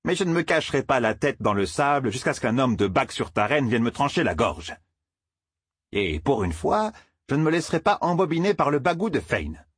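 A man voicing a cranky, indignant old male roofer who scolds and shouts, in an audiobook. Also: medium pitch, big pitch swings, moderate pace, husky, no room sound, clean studio sound, pitched above the performer's own voice. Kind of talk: audiobook character voice.

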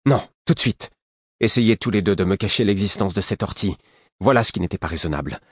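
A man's voice: deep voice, fast talker, husky, no echo, clean studio sound, voice pushed up. A man voicing a furious, imperious young prince who commands sharply. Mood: cold anger.

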